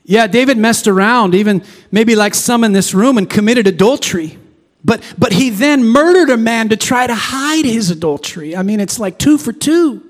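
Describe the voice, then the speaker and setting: A male pastor delivers an impassioned sermon, his voice sitting noticeably high. He drives points home by repeating phrases and briefly acting out the figures he preaches about. The sound rings with the long reverb of a church sanctuary. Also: lively intonation, moderate pace. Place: church sanctuary before a congregation.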